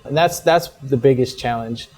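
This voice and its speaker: A man's voice: mid-range voice, normal speed, faint music behind. A young man in a casual interview, talking easily with frequent small laughs and fillers. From born in the United States, raised in Hong Kong. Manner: relaxed, laughs often, many fillers. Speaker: interview guest, fashion entrepreneur.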